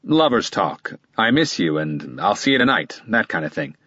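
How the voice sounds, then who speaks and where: A man's voice: on the low side, very animated, normal speed, pushed and bright, no echo, muffled recording, heavily acted. A man voicing a guarded middle-aged male lawyer who answers in a clipped, impatient way. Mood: defensive.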